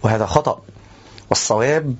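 A man teaching the correct recitation of a verse, explaining calmly and then reciting examples slowly and deliberately. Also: medium pitch, highs cut off. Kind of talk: instructional lesson with slow recited examples.

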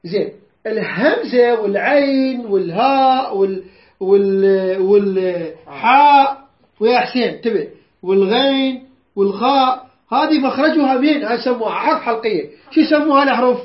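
A man's voice: extremely high pitch, moderate pace. A man leads a Quran recitation lesson, drilling rules and calling on students to answer back. He repeats each point patiently. The recording is dull and lo-fi, with a roomy echo. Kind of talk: tajweed lesson with call-and-response drills.

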